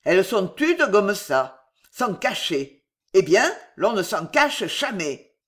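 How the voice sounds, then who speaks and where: Femme jouant une femme de chambre rusée et bavarde. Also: female voice, medium pitch, sing-song, slow. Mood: enjôleur. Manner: voluble, wheedling, theatrical. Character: young cunning female chambermaid, glib and persuasive.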